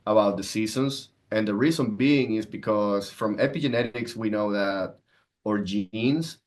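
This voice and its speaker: A Venezuelan entrepreneur and coach in his 30s, guesting on a podcast, explains ideas and shares personal stories conversationally. His voice is fairly low and his pace a little slow.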